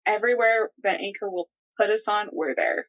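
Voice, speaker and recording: A woman's voice: medium pitch, moderate pace, dull audio. A woman guest on a podcast, chatting casually with a bubbly, giggly manner. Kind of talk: casual chat.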